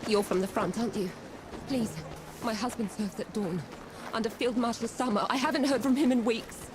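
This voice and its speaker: An anxious young wife, voiced by a woman, pleading for news in a high, worried voice. Street ambience hums clearly behind her. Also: normal speed, background noise, natural voice.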